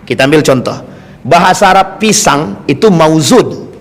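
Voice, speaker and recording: A man's voice: a little high, lively intonation, normal speed, creaky. A male Islamic preacher giving a sermon, speaking directly to the congregation and telling stories through questions. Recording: long hall reverb.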